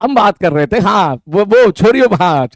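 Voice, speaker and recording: A male teacher with a lilt, joking with his online class. His voice sits high and leaps around in lively swoops. He talks close to the mic in a dry room with no echo. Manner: playful teasing, repeats words in rapid runs; breaks into high mock voices when quoting students. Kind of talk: casual live online class banter.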